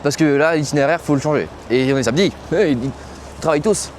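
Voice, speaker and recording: Here the same kind of casual vlog unfolds: a young man from France, a trucker, talks slangily to his audience while filming at a cold, windy truck stop outdoors. His pitch is fairly high and his delivery quick, with a slight hiss or hum in the recording.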